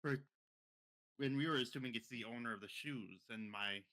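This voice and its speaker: Young male podcast co-host, rambling storyteller, bright and crisp tone. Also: mid-range voice, normal speed. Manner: rambling, many repeated words and restarts. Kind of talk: casual storytelling.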